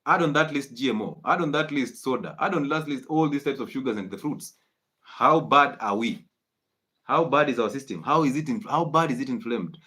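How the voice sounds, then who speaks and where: A man's voice: medium pitch, animated, brisk, bright, forceful tone. A man giving a live-streamed health lecture, emphatic and preachy, repeating his key points. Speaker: health educator.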